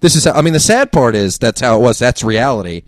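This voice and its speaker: A man's voice: mid-range voice, very animated, a little fast. Blunt, swearing man in casual chat. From New Jersey. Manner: blunt, swears freely, jokes around. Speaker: podcast co-host.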